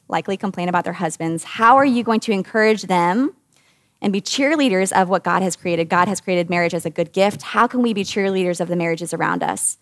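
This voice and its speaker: A woman in her thirties from the United States teaches a women's group in an earnest, conversational way. Her voice is mid-pitched and her delivery is lively. The recording is dry and close, with almost no room sound. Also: dry recording. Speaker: women's Bible study teacher.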